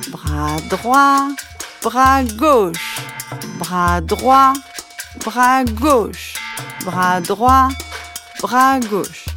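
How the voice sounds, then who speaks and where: A woman guiding children through a movement session, counting out each step slowly and encouraging them. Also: on the high side, a bit bright. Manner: slow, encouraging counting and instructions. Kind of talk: guided kids' exercise session.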